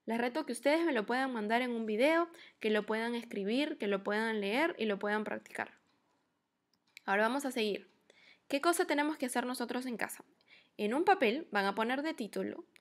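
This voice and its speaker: A young woman from Peru teaching English to children in a lively online lesson, asking questions and slowing down to model each English phrase. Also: fairly high pitch. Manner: lively, questioning, slows to spell out English words.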